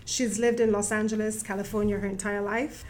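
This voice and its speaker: A woman hosting an interview, giving a formal introduction and asking questions in a steady, measured way. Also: mid-range voice, slight background noise. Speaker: interview host introducing a guest.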